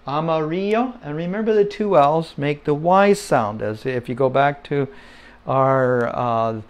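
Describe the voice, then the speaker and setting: Slow-talking guy teaching spanish at home, kinda high voice, lots of uhs. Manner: slow, patient, with many fillers; repeats words for the listener to say along. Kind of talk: casual home-made language lesson.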